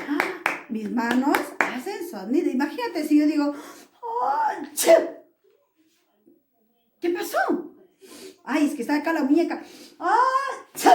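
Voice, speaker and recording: A high, lively woman with a Peruvian Spanish accent leads a playful lesson for small children, acting out sneezes and yawns. Her pitch jumps about constantly. The echoey room rings around her. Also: a little hiss or hum. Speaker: preschool teacher.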